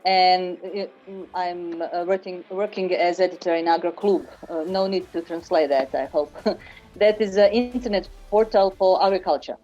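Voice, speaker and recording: Brief: woman editor, low and warm, dull call sound. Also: normal speed, faint music behind. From Croatia. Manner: matter-of-fact, hesitant fillers. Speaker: agriculture web editor.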